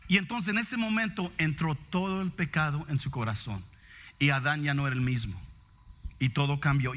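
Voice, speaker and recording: A man's voice: high voice, pushed and bright. A man preaching a sermon, reading scripture and reflecting on it, often asking the congregation questions.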